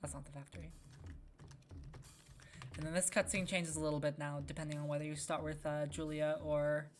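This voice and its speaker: Young woman game dev, low voice, chatty, easily sidetracked commentary. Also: little pitch movement, a little fast. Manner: chatty, wandering, answers chat. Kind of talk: casual let's-play commentary.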